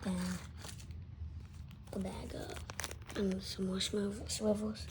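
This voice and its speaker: A woman talks through an unboxing in a flat, even tone. She goes slowly and haltingly, breathing heavily between phrases. The phone is very close, with clear noise and crinkling packaging. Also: medium pitch. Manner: flat, halting item-by-item delivery. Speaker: fishing tackle unboxing vlogger. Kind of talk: casual hands-on unboxing narration. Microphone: phone held very close, at times in the mouth. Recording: noisy handheld phone with rustling packaging. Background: crinkling packaging, clicks and noise.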